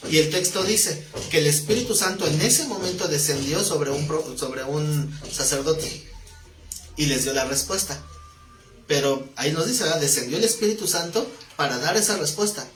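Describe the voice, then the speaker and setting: A fairly high-voiced man leads a Bible class as its pastor, retelling stories in a lively, chatty way and turning to his listeners with questions. The room is echoey, with a faint hum of noise behind him. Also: normal speed. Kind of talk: live-streamed Bible class, conversational teaching.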